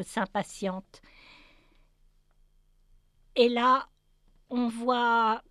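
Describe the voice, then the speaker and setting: A woman reading a picture book aloud, calmly and carefully, pausing to describe the illustrations. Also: on the high side, slight background noise.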